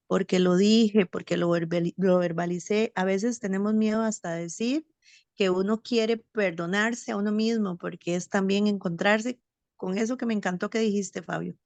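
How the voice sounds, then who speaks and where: A bereaved mother sharing her story over a video call in a support session, reflective and halting with many fillers. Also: medium pitch, vocal fry, darkish tone, no room sound. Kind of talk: personal testimony. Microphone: video call, camera off.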